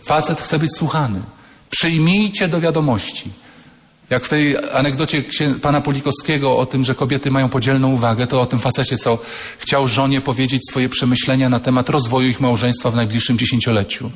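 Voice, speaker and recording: A man's voice: medium pitch, level tone, fast, fairly bright tone. A man, a priest, giving a humorous sermon to students, telling anecdotes and acting out the people in them. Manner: storytelling, acts out quoted voices. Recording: echoey hall with long reverb.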